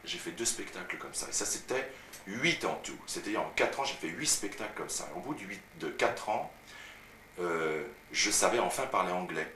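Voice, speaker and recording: A young Parisian actor chats in a relaxed way about his career during a casual home interview, often saying "tu vois," in a low voice at normal speed. A far-off camera mic captures it as roomy, distant, noisy home video.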